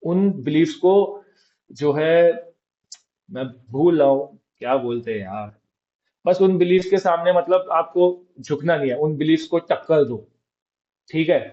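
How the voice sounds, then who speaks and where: A motivational speaker gives an informal pep talk, his voice on the high side, mellow and a little slow, in a muffled recording. He coaches his listeners and keeps checking in with them, often asking "ठीक है?"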